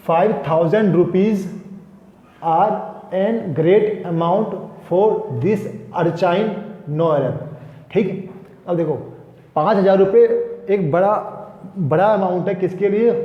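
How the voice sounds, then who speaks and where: A male grammar teacher, explaining step by step to students in a classroom lecture. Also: sits high. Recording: echoey dull room sound.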